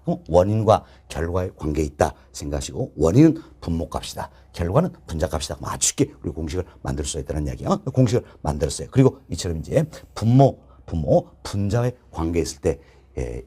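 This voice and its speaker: A man's voice: deep voice, dark tone, slightly rough. A middle-aged man teaching a recorded exam-prep lecture, quizzing students with questions and answering them himself, repeating key phrases. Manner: call-and-response teaching, answers his own questions; repetitive, drilling key phrases. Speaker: real estate exam instructor. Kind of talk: online lecture.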